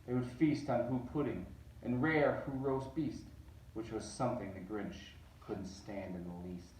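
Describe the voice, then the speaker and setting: A man reading a picture book aloud, animated and rising on repeated words. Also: medium pitch, a little slow, slight background noise. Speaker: reader. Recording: roomy echo, distant mic.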